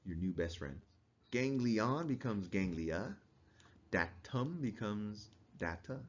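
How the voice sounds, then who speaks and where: A man's voice: lowish voice, lively intonation, slow, slight background noise. A male instructor giving a casual classroom lecture, quizzing students and chuckling now and then. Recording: dull lo-fi recording.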